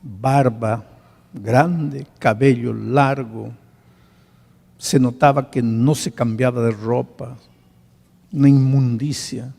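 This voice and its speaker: A male pastor telling a story in a sermon, swinging from hushed to loud. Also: mid-range voice, fairly even intonation, takes it slowly, creaky, pauses often, big-room sound.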